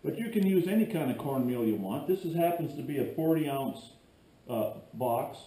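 Warm, animated and fairly high in pitch, a middle-aged man hosts a relaxed fishing how-to vlog at a moderate pace. He keeps up jokes, rambling and chatty asides as he works in a cluttered garage workshop. The sound comes from a far-off tripod camera, and the garage is echoey with a faint hum.

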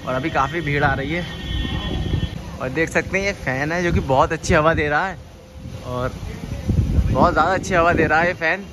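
A man's voice: on the high side, moderate pace, pauses often, music in the background. Upbeat young man vlogging on a phone. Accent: Bareilly Hindi. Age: young adult. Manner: upbeat, repetitive, addresses viewers as friends. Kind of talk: casual walking vlog narration. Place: restaurant halls and outdoor courtyard at night. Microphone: phone selfie camera at arm's length.

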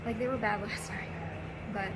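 A woman vlogger with a hoarse voice, chatting casually and rambling, with lots of ums and trailing thoughts. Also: medium pitch, steady tone, normal speed, very noisy. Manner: chatty and rambling, with frequent fillers. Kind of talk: casual vlog chat.

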